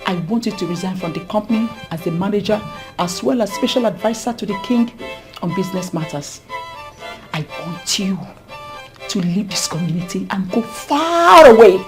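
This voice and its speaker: A woman's voice: medium pitch, natural voice. An actress with a Nigerian accent playing a controlling queen in a film drama. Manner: firm, controlling. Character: scheming queen, firm middle-aged woman.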